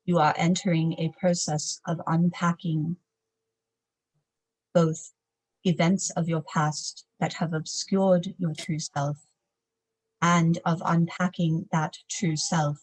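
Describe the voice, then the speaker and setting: A woman speaking as a trance medium, in formal, solemn, measured phrases, as if a spirit guide were advising a client. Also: low voice, a little mellow, husky, rough recording. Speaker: trance channeler, seance medium.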